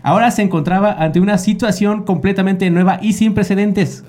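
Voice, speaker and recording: A man's voice: high-pitched, fairly even intonation, a little fast, darkish tone. A man reading a biography aloud in Spanish as a co-host, putting on exaggerated German pronunciation. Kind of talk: reading a biography aloud in a jokey group show.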